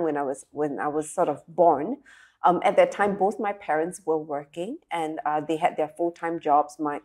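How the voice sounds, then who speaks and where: A Singaporean woman in her forties, with a lowish, darkish voice, appears as a guest in a studio interview on a set with sofas. Speaking into a lapel mic as an emotional resilience speaker, she shares her story in a candid, reflective, earnest way, full of fillers and restarts.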